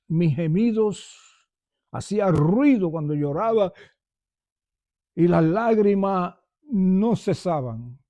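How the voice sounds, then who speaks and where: Slow, earnest older man with high voice. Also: mellow, no echo, muffled recording. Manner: earnest, addresses listeners as brothers. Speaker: believer giving testimony. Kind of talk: personal testimony.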